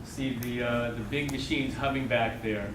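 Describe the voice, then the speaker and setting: A man speaks to a live audience in a halting public welcome speech. His medium-pitched voice comes from some distance in an echoey venue, with heavy noise around it. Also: fairly even intonation. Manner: halting, addressing a gathered crowd. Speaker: medical center partner giving opening speech.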